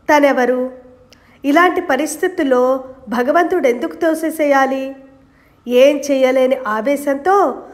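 A woman reading a novel aloud as narrator, speaking the characters' dialogue within her own narration. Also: high-pitched. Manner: voices the dialogue lines herself within the narration.

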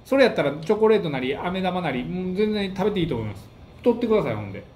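A man's voice: sits high, rapid-fire. A man with a Kansai accent, a comedian hosting a casual monologue, telling stories and acting out what people said. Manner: animated storytelling that acts out quotes. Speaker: comedian and book-review host. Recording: echoey room with faint hiss.

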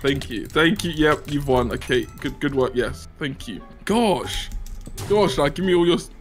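A man's voice: fairly high pitch, animated, moderate pace, faint music behind. A man hosting a gaming video, teasing his teammate with mock-serious jokes and breaking into laughter. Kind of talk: playful gaming chat with pranks.

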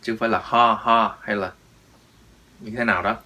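A man's voice: lowish voice, fairly even intonation, fast talker, pushed and bright. A man teaching English pronunciation in Vietnamese, repeating each word with emphasis. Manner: drills words, repeats them with emphasis. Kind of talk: pronunciation lesson.

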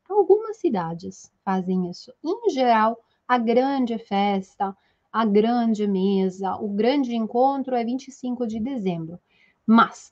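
A young Italian woman with an Italian accent teaches a playful, casual language lesson, laughing often. Her voice is fairly high and a little mellow, and the lo-fi recording sounds slightly dull.

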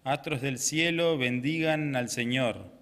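A young male lector reads scripture at a lectern microphone in a small chapel. His voice sits in an ordinary middle pitch, and he reads in a measured, solemn way. The room adds a long, ringing reverb. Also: fairly bright tone. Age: young adult. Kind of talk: liturgical scripture reading.

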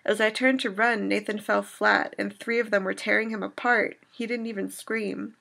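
A woman reading aloud as a shaken young woman survivor recounting an attack, in a steady storytelling manner. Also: medium pitch, moderate pace, vocal fry. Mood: grieving.

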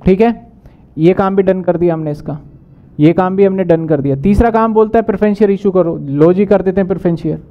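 A man teaching accounting in a brisk lecture, asking questions and answering them himself. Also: high voice, highs cut off. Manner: brisk, asks and answers his own questions. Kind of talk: whiteboard lecture.

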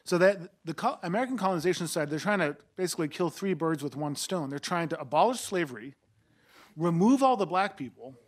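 Man, 40s, history professor, lecturing, explanatory, slightly high pitch, table mic, seminar room. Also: animated, quick pace. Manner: explanatory, lecturing, with restarts and tag questions. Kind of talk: academic panel discussion. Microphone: table mic on a stand.

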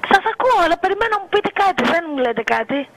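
A middle-aged woman, an office secretary, answering a caller curtly and defensively over the phone. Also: very high voice. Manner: curt, defensive, flatly refusing. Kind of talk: phone conversation.

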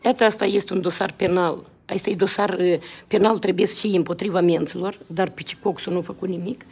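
Lady ranting at her phone camera, husky gravelly voice, keeps repeating herself. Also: on the low side, fairly even intonation, darkish tone. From Moldova. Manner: outraged, rapid, repetitive, calls to viewers. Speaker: citizen activist filming. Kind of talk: indignant video address to viewers.

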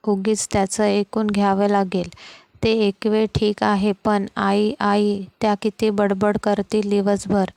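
A woman's voice: medium pitch, gravelly, darkish tone, no echo. A woman voicing a flustered, guilt-ridden young wife in a storybook reading. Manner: flustered, self-reproaching.

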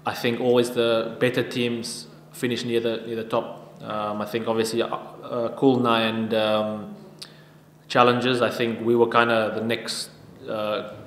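A man in his thirties answering questions at a post-match press conference at a table mic, even-toned and halting with frequent restarts. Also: medium pitch. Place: press conference room with sponsor backdrop. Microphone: table microphone. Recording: echoey room with long reverb.

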